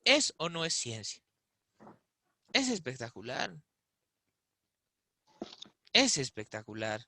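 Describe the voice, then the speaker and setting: A man's voice: mid-range voice, huge pitch swings, takes it slowly, sharp tone, slight background noise. A man giving an explanatory talk in a discussion, often asking rhetorical questions. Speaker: invited speaker. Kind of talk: conversational talk in an online discussion.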